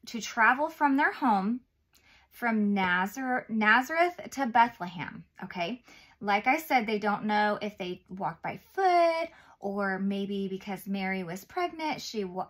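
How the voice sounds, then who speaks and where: A woman's voice: medium pitch, a bit bright. A woman in her thirties reading and explaining a Bible lesson to young children in simple, encouraging words, as if reading to a toddler. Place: small indoor room, seated at a table.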